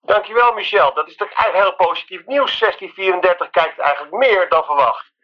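A man's voice: high voice, brisk, highs cut off. A man leaving an upbeat, chatty voicemail for a colleague, played back from a phone. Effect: leaving a voicemail, heard played back.

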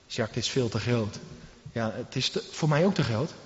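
Animated preacher man in an echoey church. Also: mid-range voice, moderate pace. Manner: emphatic, with many rhetorical questions. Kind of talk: sermon. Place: church hall. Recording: echoey church hall, dull sound.

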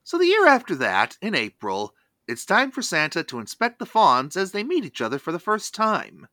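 Casting: male review host, crisp bright tone, lively intonation, dry studio-style sound, scripted recap. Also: high-pitched, moderate pace, no room sound. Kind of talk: scripted recap narration with asides.

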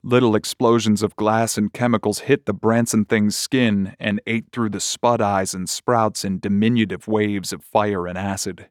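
Male horror narrator, low voice, dry close sound, measured and gritty. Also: steady tone, no echo. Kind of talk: horror story reading.

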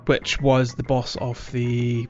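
A podcast host talks games casually and jokingly, prone to chuckling, yet his medium-pitched delivery is completely flat and slow. Background music sits under a slightly muffled recording.

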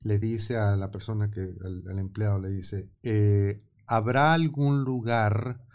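A man with a Mexican Spanish accent hosting a casual radio studio chat, talking in quick, animated bursts. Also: fairly low pitch. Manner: animated, quick, laughing often. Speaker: radio show host.

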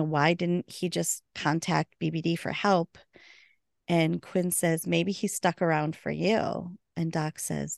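A woman co-hosting a podcast, casually recapping a TV episode and acting out the characters' lines with big jumps in pitch. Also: gravelly, dry recording, clean studio sound.

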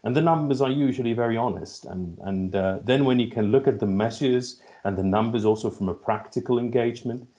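This logistics executive from Finland, a middle-aged podcast guest, talks at a medium pitch and a slightly fast clip with barely any pauses. His mellow voice comes through a muffled recording, and his Finnish-accented answers are marked by hesitations and repeated words as he works out what to say.

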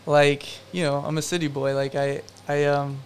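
A young man in an interview, rambling through anecdotes with plenty of fillers and wry self-mockery. His voice sits a bit high and stays even in pitch. It has a smooth, clean tone. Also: normal speed. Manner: rambling, filler-heavy, self-deprecating storytelling. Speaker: production designer. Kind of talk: casual interview answers.

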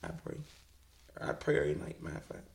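A man around thirty chatting casually and bluntly as a podcast guest, in slangy, profane, bro-like talk. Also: fast. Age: about 30.

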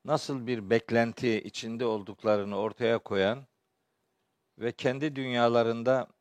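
Hoarse, strained male preacher. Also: mid-range voice, steady tone, unhurried, no room sound. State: hoarse from shouting the day before, clearing his throat often. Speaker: Quran teacher and preacher. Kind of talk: spoken religious lecture with verse commentary.

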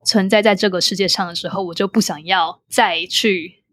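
A woman's voice: on the low side, fairly even intonation, moderate pace, fairly bright tone. A young adult woman from Taiwan with a Taiwanese Mandarin accent, chatting reflectively and casually, dropping in occasional English words.

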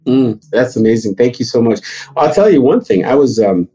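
A middle-aged man from Nigeria answering interview questions, telling stories with animated, climbing emphasis. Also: normal speed, breathy edge, rough recording. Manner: animated storytelling, rising high for emphasis. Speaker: guest.

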